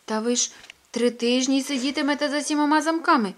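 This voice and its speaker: A woman voicing a cheeky little boy cat in a children's storybook, quick and indignant. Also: high voice, voice pushed up, close to an everyday voice. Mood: bold. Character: cheeky small boy cat, lively and bold.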